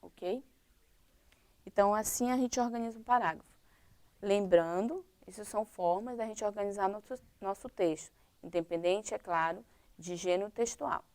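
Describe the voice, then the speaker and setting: A woman's voice: medium pitch, normal speed, a little mellow. A woman teacher with a Brazilian Portuguese accent, explaining a primary-school lesson step by step and checking in with "tá?" and "ok?".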